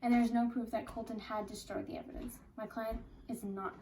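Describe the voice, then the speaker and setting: A woman's voice: a little high, level tone, brisk, over loud music, natural voice. A woman playing an earnest defense lawyer in an amateur courtroom role-play. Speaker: defense lawyer in a mock trial. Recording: distant mic with faint noise.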